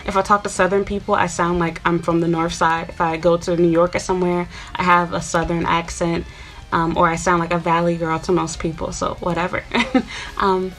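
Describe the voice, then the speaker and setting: In a low-quality recording with faint music behind her, a YouTuber from Chicago, USA, in her 20s speaks casually to camera for viewers, her fairly low voice level in tone and a little fast, rambling with lots of fillers.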